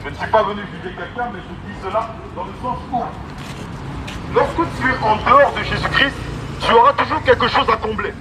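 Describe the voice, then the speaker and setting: A high-pitched male street preacher speaks a little fast into a megaphone outdoors on a city street. His open-air evangelism is exhorting and emphatic with repetitive phrasing, all amplified over loud street noise.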